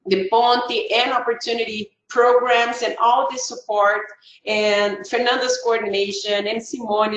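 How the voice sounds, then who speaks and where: A middle-aged woman with a Brazilian Portuguese accent talks to students in a friendly, rambling way, full of fillers and restarts. Her voice sits a little high. It comes through a video call from an echoey room. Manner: chatty, many fillers and restarts. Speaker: education advisor. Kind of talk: online webinar talk.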